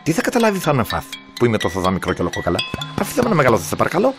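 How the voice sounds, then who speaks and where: A man's voice: mid-range voice, huge pitch swings, creaky, music in the background, voice pushed up. Man voicing a sly little talking fish. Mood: pleading. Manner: pleading, then teasing. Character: small bony talking fish, sly and mocking.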